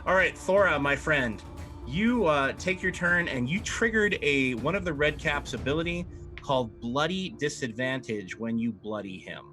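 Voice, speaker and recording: A man acts as game master at a tabletop game. He talks through rules conversationally and draws out dramatic descriptions at a middling pitch, with music clearly playing behind him. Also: animated, moderate pace, sharp tone.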